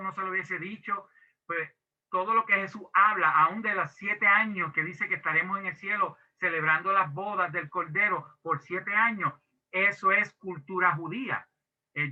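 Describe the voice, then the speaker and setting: A man teaching a Bible class sermon as pastor, lively and acting out quoted dialogue, with English words mixed in. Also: high voice. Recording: tinny phone-like audio.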